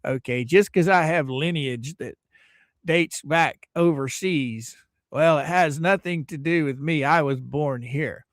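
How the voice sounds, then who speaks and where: An American man hosts a casual livestream, greeting viewers by name and rambling through opinionated asides. His voice is a little high and his pace measured, captured as a dry, studio-quality recording.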